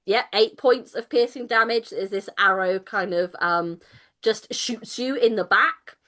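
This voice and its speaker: A woman game master narrates a tabletop adventure in a bright, crisp voice. She takes her time and keeps a playful, laughing tone, dipping into silly character voices. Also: medium pitch, unhurried.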